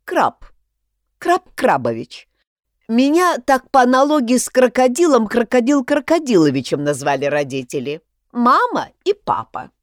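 A stiff, pompous crab gentleman, put on by a woman reading a story. He speaks formally and primly, his voice swinging high and low. The sound is dry and close. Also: wildly swooping pitch, a little slow, no room sound. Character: fussy male crab neighbor, pompous.

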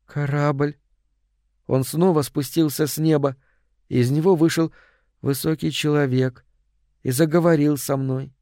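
A man voicing a gentle, dreamy young Martian wife in a soft, quiet, slightly raised voice. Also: fairly high pitch, steady tone, measured pace, long pauses, dry recording, studio quality.

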